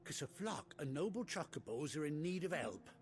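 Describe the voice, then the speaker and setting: An actor playing a chatty, excitable rustic villager in a video game, talking in a folksy, colloquial way. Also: male voice, fairly high pitch, moderate pace, slight background noise. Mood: excited. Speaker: game character. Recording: game audio with loud music. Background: game music.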